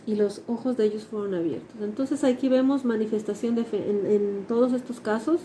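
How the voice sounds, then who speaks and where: A woman's voice: a little high, fairly even intonation, fairly quick, warm tone, a little hiss or hum, low-quality recording. A woman with a Mexican accent teaching a Sunday school class, reading scripture aloud and explaining it, often adding tag questions. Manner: reads verses aloud, then explains them with tag questions. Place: church classroom.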